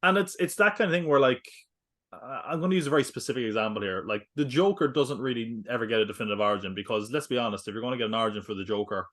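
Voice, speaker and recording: A man's voice: mid-range voice, very fast. Chatty rambling male film podcaster. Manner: rambling, filler-heavy, jokey asides. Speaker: podcast co-host. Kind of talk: casual film review chat.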